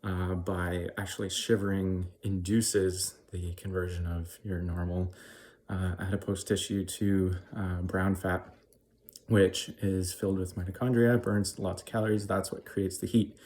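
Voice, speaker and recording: A man talking casually to his vlog, hesitant and halting, shivering after time in ice cold water. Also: sits low, little pitch movement, a little mellow. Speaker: vlogger.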